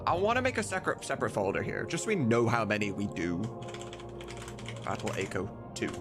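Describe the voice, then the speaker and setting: This streamer and mod voice director chats casually on a livestream while working, thinking out loud with plenty of swearing. His lowish voice swoops wildly in pitch at a fairly quick pace, over background music.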